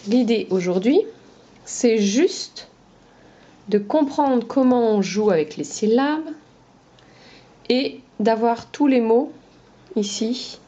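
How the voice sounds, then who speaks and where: Slow, patient woman teacher, dull audio. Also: a little high, expressive, warm tone. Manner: slow, carefully sounding out syllables. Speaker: schoolteacher. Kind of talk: lesson for young children. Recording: dull lo-fi recording.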